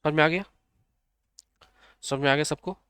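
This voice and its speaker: A man's voice: a little high, steady tone, normal speed, sharp tone, clean tone, no room sound. Dry-voiced male teacher. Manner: repetitive, checks understanding often. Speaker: computer teacher. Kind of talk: exam-prep lesson, explaining on a board.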